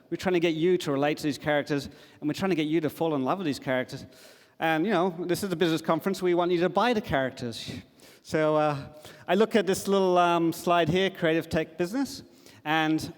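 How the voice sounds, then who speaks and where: A middle-aged man giving a casual, enthusiastic conference talk, with plenty of fillers. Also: on the high side. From Australia. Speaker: conference speaker. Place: large conference hall. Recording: long hall reverb.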